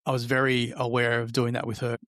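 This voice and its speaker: A man, an interview guest telling a personal story in a halting, reflective, conversational way, acting out remembered remarks. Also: mid-range voice, monotone, fairly bright tone, no echo, studio quality.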